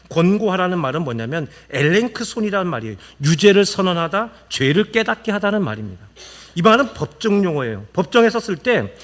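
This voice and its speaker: Animated male pastor preaching a sermon. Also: a little high. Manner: animated, acts out quoted voices of church members; earnest, explaining and urging the congregation.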